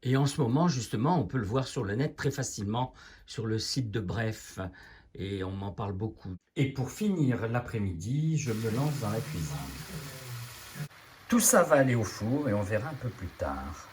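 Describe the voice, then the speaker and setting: A man's voice: medium pitch, animated, normal speed, a little mellow, slight background noise. A man narrating a casual video diary from his home, speaking in a chatty, matter-of-fact way. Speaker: vlogger. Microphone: iPhone.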